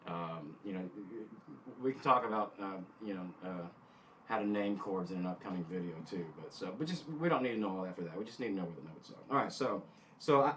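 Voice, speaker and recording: A middle-aged man giving an informal guitar lesson, thinking aloud haltingly and correcting himself as he goes, with an easygoing, self-deprecating way. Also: fairly low pitch, a bit bright, slight background noise, rough recording. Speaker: guitar instructor. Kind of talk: informal instructional demonstration with music theory. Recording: guitar playing behind the voice. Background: guitar notes being tapped.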